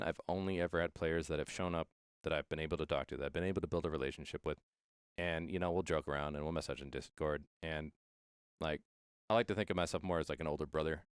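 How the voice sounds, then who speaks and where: A man's voice: extremely low pitch, clean tone, no echo, studio quality. A man coaching an esports team, talking earnestly and reflectively in a casual interview, with fillers and restarts.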